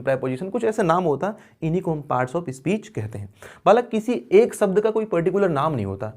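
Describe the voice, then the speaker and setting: A man teaching an English grammar lesson in a playful, jokey way. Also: fairly high pitch. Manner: playful, jokey, addresses viewers as kids. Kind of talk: classroom lesson.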